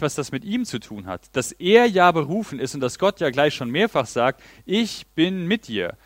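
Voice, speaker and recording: A man's voice: fairly high pitch, no room sound. A man preaching a sermon in an earnest way, retelling a Bible story and reading passages aloud.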